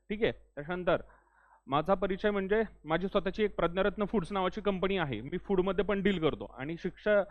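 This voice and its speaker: A young man teaching a classroom lecture in a friendly way, often saying "ठीक आहे" and urging students to speak up. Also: high voice. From Maharashtra. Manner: loudly urges students to speak up. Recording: tinny phone-like recording.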